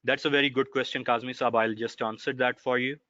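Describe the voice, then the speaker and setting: A man with a Pakistani accent explaining law in an online question session, emphatic and deliberate. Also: medium pitch, steady tone, bright, forceful tone, no room sound. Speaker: seminar speaker answering legal questions. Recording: dry, slightly dull online audio.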